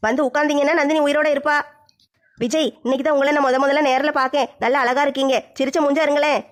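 A woman's voice: sits high, steady tone, quick pace. A woman acting a village comedy sketch in a brash, mocking way. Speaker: comic sketch performer.

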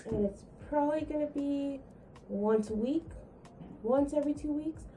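A woman's voice: sits high, normal speed, warm tone, slight background noise, low-quality recording. A young woman telling a candid, rambling true story from her own life on her vlog. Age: young adult. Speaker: vlogger.

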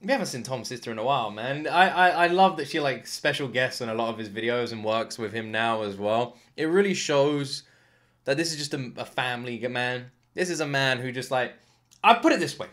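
A British man hosting a music reaction video, excitable and swearing, with loud outbursts. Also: medium pitch, a little fast. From United Kingdom.

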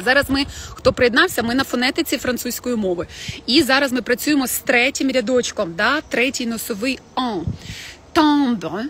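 A woman teaching French pronunciation in a casual live stream, chatting with viewers and modelling words slowly. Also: a little high, fairly bright tone, a little hiss or hum. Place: home, in the evening.

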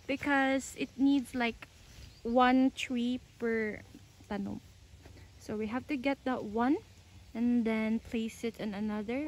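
This is a casual vlog from a young adult Filipino woman with a high voice, recorded outdoors on a rural farm on a phone at arm's length. She code-switches between English and Filipino languages in spontaneous chat. The recording quality is rough.

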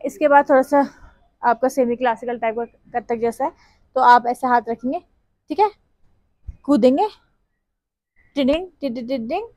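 A woman's voice: sits high, moderate pace, long pauses, darkish tone, dry recording. A woman dance teacher, explaining steps and counting beats aloud, sometimes singing along. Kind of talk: dance tutorial instruction with counting.

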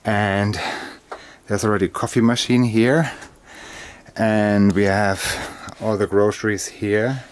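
A man's voice: lowish voice, takes it slowly. A man chatting casually to the camera as a travel vlogger, outdoors on a small island by the sea. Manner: relaxed, chatty, laughs often. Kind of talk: casual vlog narration.

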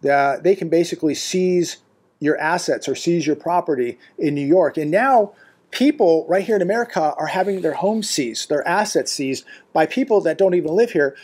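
Sitting in his living room, a commentary vlogger in his fifties delivers an unscripted, alarmed monologue. His fairly high, slightly mellow voice has a breathy edge and a moderate pace, and he is emphatic and repetitive, with frequent restarts and fillers.

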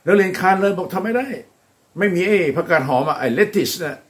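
Upbeat Thai-accented English teacher. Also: male voice, high voice. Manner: slow, deliberate modeling of English phrases, then quick Thai explanations; upbeat and encouraging, often praising the students. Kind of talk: classroom-style English drill.

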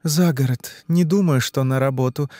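A man's voice: mid-range voice, moderate pace, darkish tone, dry recording, clean studio sound, pitched above the performer's own voice, close to an everyday voice. A man doing a frightened young woman under hypnosis. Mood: uneasy. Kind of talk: audiobook reading.

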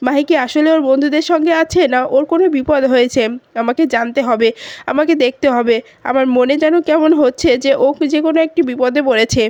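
A woman voicing an anxious young woman who fears for a friend, in a plain, quick retelling voice. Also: high-pitched, a little mellow, no echo, lo-fi sound, natural voice. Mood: worried. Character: young woman worried about a friend in danger.

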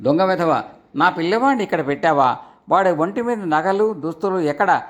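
A furious, vengeful merchant chief from a storybook, blunt and accusing, as a man voices him. His voice has a lively, rising and falling shape. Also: high voice, moderate pace. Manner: angry, blunt.

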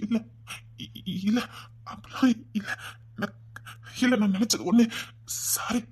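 A performer with a Tirunelveli Tamil accent acts a furious father in a family drama, scolding, shouting and threatening over a missing daughter. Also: medium pitch, steady tone, a little slow, husky. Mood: angry. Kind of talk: village family drama acting.

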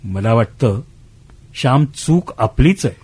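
An actor playing an elderly man who insists his son cares for him, talking defensively and dropping low and soft when he hedges. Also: expressive, takes it slowly, husky. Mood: reflective. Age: older. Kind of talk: radio drama acting.

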